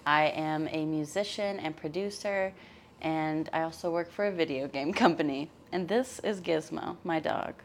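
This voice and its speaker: Low-voiced young woman chatting openly. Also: normal speed, a little hiss or hum. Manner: friendly, open and chatty, laughs often. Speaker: podcast guest, musician and producer. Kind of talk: casual interview chat.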